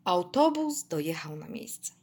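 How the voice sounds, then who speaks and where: A woman reading a children's story aloud with expressive, animated delivery. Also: on the low side, unhurried, husky.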